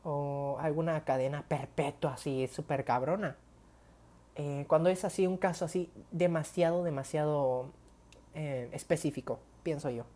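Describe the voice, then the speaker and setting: A young woman with a low voice and a Mexican Spanish accent tells stories straight to her viewers. She keeps it casual, full of slang, and breaks into whispered asides as she acts out her own stories. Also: moderate pace. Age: young adult. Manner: chatty, slangy, animated retelling with whispered asides. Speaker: vlogger. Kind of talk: casual storytelling to camera.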